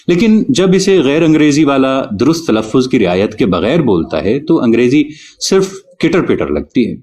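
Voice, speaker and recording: A man teaching a spoken lesson on correct pronunciation, explaining carefully and spelling out sounds slowly. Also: medium pitch, darkish tone. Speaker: Urdu teacher.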